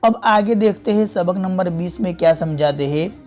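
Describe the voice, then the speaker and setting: A man teaching a Quran reading lesson step by step, slowly repeating and drawing out each example word. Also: high-pitched, a little mellow, soft background music. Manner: slow, patient, repeats and stretches out example words.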